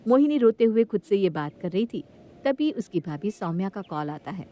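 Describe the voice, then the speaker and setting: A woman's voice: mid-range voice, normal speed. Woman narrating a moral story. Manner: steady storytelling.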